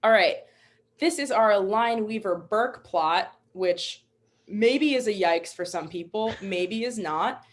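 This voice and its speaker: A woman's voice: medium pitch, slow. A young woman instructor teaching a live online webinar, upbeat and encouraging, chatty with fillers. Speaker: MCAT instructor.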